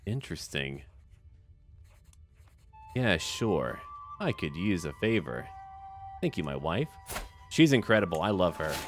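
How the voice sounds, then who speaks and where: This host talks to the characters of a strategy game in short, in-character asides, thinking aloud in a relaxed way for his gaming video. His voice is low with a fairly bright tone, and music plays under it.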